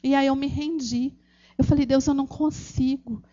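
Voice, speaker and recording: High-voiced Brazilian woman giving church testimony. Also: fairly even intonation, normal speed, dark tone, dull audio. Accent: Brazilian Portuguese. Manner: earnest, addresses the audience as "gente", many restarts. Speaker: testimony speaker at a church ministry. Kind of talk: emotional personal testimony.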